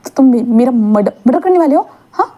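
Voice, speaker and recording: A woman voicing a hot-tempered young male student who stammers and bursts into loud, indignant outbursts in a dramatic fan-fiction reading. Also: sits high, animated, fast. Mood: outraged.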